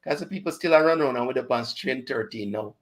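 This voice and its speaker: Speaking fast in a mid-range voice, a radio host with a Jamaican accent chats casually on his show. Patois finds its way into his talk, and he laughs a lot.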